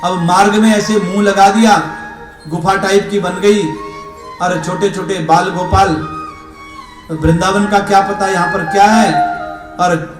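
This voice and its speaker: A man's voice: high voice, steady tone, a little slow, pauses often. A man preacher telling a scripture story in a devotional discourse, acting out the characters' dialogue. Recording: roomy hall echo with instrument music.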